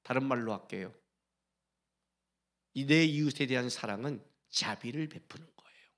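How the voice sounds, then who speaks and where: A middle-aged male senior pastor preaching a sermon, urging his congregation with rhetorical questions and swinging between loud exhortation and hushed asides. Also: mid-range voice, normal speed. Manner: briefly sings a hymn line during the sermon.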